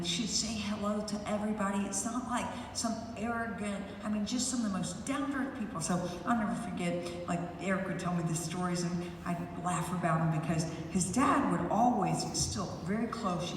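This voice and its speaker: A woman's voice: lowish voice, moderate pace, hardly any pauses. Lady telling stories at a rally over the pa, echoes all over, far off, crowd murmur behind. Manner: rambling storyteller who grows loud and rousing, leads chants. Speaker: rally warm-up speaker. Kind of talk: personal anecdotes in a political rally speech. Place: outdoor campaign rally. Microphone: public address system picked up from a distance. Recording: echoey, distant rally sound with crowd noise.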